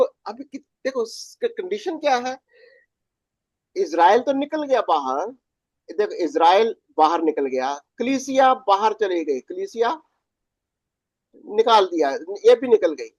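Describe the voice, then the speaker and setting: A man's voice: high voice, very animated, slow pace, darkish tone, no echo, highs cut off. A man teaching a Bible study as pastor, mixing in English words and often restarting his phrases.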